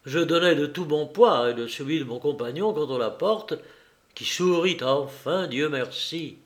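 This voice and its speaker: Male audiobook narrator, unhurried and deliberate, a touch high in pitch. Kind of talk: audiobook reading of a first-person novel.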